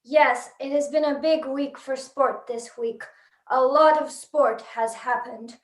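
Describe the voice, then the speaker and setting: Slow, deadpan woman reporting sport. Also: high-pitched, echoey room. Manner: deadpan, slow, earnest storytelling. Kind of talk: rambling improvised sports report.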